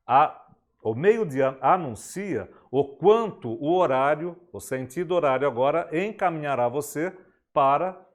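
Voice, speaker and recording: Brazilian guy teaching a poetry class, a bit high, slow and emphatic, reads the verses all dramatic. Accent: Brazilian Portuguese. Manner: emphatic, declamatory, rhetorical questions; reads poem lines slowly and dramatically. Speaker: literature teacher. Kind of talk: exam-prep literature lecture.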